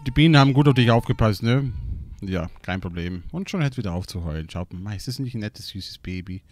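Excitable young German gamer, lively voice. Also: male voice, fairly low pitch, a little fast, dry recording. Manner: excitable, swears a lot, laughs often. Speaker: let's play gamer. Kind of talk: casual gaming commentary.

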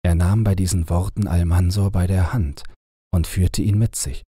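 A man narrating a fairy tale audiobook in a calm, even, unhurried reading style. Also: sits low, slightly rough, no room sound, clean studio sound.

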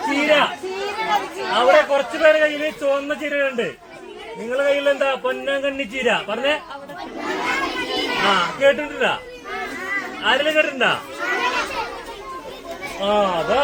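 Pitched extremely high, a man working as a farm guide teaches a playful outdoor class, quizzing the schoolchildren. Many kids chatter loudly around him amid outdoor noise, so he raises his voice over them.

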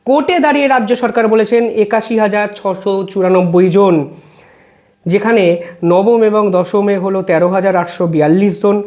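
A man giving political news commentary in a pointed, questioning way, reading out court documents slowly and then explaining them. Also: high-pitched, a little mellow.

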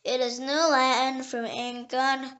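A woman reading dictionary entries aloud slowly and carefully, spelling each word letter by letter and sometimes stumbling and restarting a word. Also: sits high, level tone, fairly bright tone, muffled recording. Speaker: dictionary reader.

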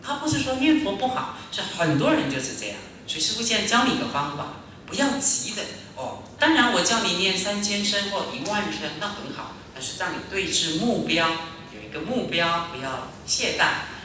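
Lively monk lecturing in an echoey hall. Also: male voice, sits high, moderate pace. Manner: lively and demonstrative, acting out examples. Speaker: Buddhist monastic teacher. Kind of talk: Dharma lecture to a live audience. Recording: very echoey hall, distant, faint noise.

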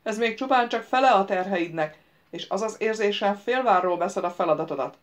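A woman voicing an unseen, imperious male voice that questions and mocks a prince in a loud, commanding way. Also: medium pitch, close to an everyday voice.

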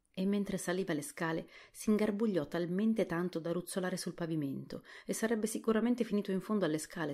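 A woman narrating a storybook in a soft, hushed whispered role-play reading. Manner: soft, low-voiced storytelling. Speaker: audiobook narrator.

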